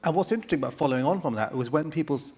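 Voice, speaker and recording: Fast-talking male interviewer. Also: on the high side, animated, darkish tone. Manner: probing questions, dry asides. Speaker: on-stage interviewer. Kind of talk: conversational interview.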